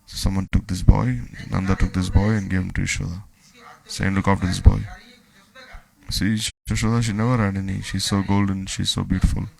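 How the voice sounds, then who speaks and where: A man gives a devotional talk. His low voice is heavily gravelly. He retells scripture stories, voicing the dialogue as he goes. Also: level tone, a little fast, darkish tone, low-quality recording. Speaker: spiritual teacher.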